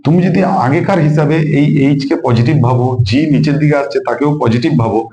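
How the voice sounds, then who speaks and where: Man, physics tutor, fast and mellow, echoey room. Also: mid-range voice. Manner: explains step by step, repeats numbers, asks students questions. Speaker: physics teacher. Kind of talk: whiteboard lesson. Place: room with a student nearby.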